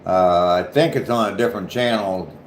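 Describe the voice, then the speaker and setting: Chatting casually with his livestream audience and reading their comments, this host has a deep voice and a light southern Ohio accent with a slight Appalachian touch. He talks slowly and easily, letting sentences fade out softly, while room echo and a faint hum linger in the background.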